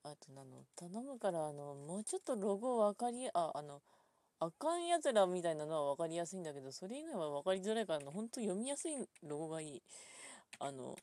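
A woman talking alone in a casual, rambling way, full of fillers, thinking aloud at her computer and drifting into quiet mumbles. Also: fairly low pitch, sing-song, quick pace, dry recording. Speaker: solo podcast host.

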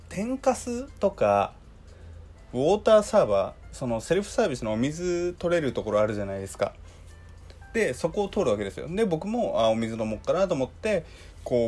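A young man with a Kansai accent, chatting casually in a solo podcast. His voice is hoarse and dry, and his pitch jumps up and down as he tells the story with lots of fillers. Soft music plays faintly behind him. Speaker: podcast host.

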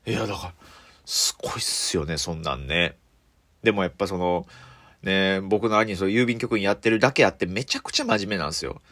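A man with a Kansai accent, a comedian telling a story on his solo radio talk, lively with sound effects and frequent laughter. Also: sits low, a little fast, no echo. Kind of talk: casual solo radio chat.

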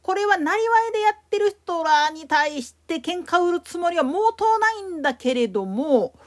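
A woman with a Kansai accent giving a solo explanatory talk as a podcast host, emphatic in her delivery. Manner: explanatory, emphatic, lively pitch swings.

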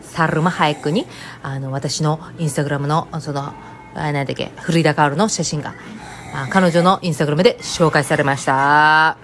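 Chatty Kansai woman, lowish voice. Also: steady tone, normal speed, noisy background. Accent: Kansai Japanese. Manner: chatty, rambling, joking, many fillers. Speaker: vlogger. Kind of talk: casual chat to camera.

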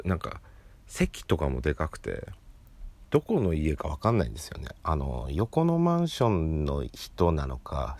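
A man's voice: low voice, dry recording. A man talking casually and alone as a podcast host, rambling with self-deprecating asides that trail off into mutters. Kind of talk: casual solo chat.

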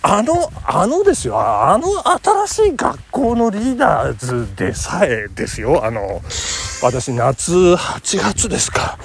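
A man in his fifties hosts his own talk show while out on a morning run. His voice sits a little high with a gravelly edge and swings widely in pitch. He chats in a playful, mock-formal way. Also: a little slow, slight background noise. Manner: jokingly formal, lively and chatty. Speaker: podcast host. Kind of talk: casual solo talk show countdown.

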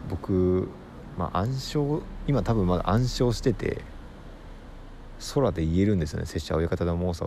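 A man, a comedian hosting his own radio show, telling a rambling story in a casual solo monologue, mixing fast patter with drawn-out words. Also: sits low, vocal fry, mellow, slight background noise.

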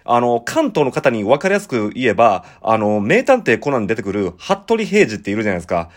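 A man in his thirties speaks with a western Osaka Kansai accent, hosting a relaxed solo show where he reads listener mail. His talk is chatty and rambling, with lively swings of pitch as he explains things. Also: fairly quick. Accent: western Osaka Kansai dialect. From Osaka, Japan. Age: 30s. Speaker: podcast host and musician. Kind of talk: casual solo talk reading listener letters.

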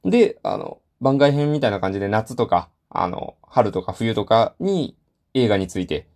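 A man's voice: fairly low pitch, sing-song, moderate pace, darkish tone. A man hosting a casual solo talk show, rambling with many fillers and self-deprecating asides. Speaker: solo podcast host.

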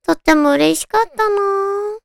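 A woman with a naturally cute, girlish anime-style voice hosts a casual solo radio chat, talking to her listeners in a cutesy, animated way. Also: very high-pitched, measured pace, vocal fry, no echo, clean studio sound. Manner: cutesy, animated, addressing listeners with soft questions. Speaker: radio show host.

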